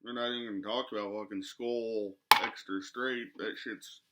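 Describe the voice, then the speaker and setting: A man's voice: fairly low pitch, fairly even intonation, moderate pace, very noisy. A man in his twenties chatting casually through a product review, speech slightly muffled by a lip full of dip. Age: 20s. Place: small living room, indoors.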